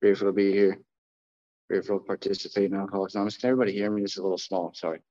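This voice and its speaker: An American man from New Jersey giving a plainspoken, halting personal testimony in front of an audience at a recovery meeting. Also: sits low, flat delivery, darkish tone, lo-fi sound. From New Jersey, United States. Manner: addressing a live group, plainspoken, halting.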